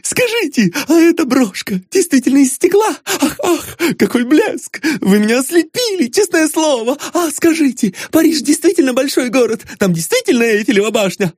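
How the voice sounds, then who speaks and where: A man reading aloud, voicing a fawning, excitable male humorist who gushes in gasping, fluttering exclamations. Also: very high-pitched, normal speed, hardly any pauses, dry recording, clean studio sound, pitched above the performer's own voice. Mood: gushing.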